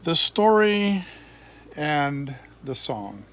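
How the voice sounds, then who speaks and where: A grandfather reads aloud from a children's Bible storybook, expressive and deliberate in his phrasing, with emphatic pauses. His older male voice is a little high.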